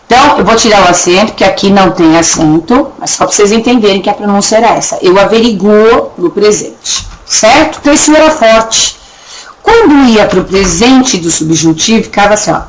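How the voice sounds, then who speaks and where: A Brazilian woman teaches a recorded grammar lesson in an easygoing, chatty way, checking in with her class again and again. She draws words out slowly when she shows how they sound. A faint hiss and small clicks sit under her voice. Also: medium pitch, animated, low-quality recording. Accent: Brazilian Portuguese. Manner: drags words out slowly to demonstrate pronunciation. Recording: faint background noise and clicks.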